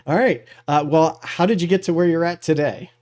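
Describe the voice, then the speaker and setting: A man's voice: a little high, a little fast, darkish tone. A man hosting a casual interview show over a video call, chuckling often as he talks. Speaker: podcast host.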